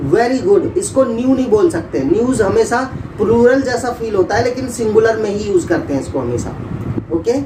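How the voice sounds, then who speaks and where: Male teacher, fairly high voice, very slow deliberate delivery, mic far off in an echoing room. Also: mellow. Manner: dictates example sentences slowly, checks in with students often. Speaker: English teacher. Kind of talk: explanatory online lesson. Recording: echoey room, distant mic.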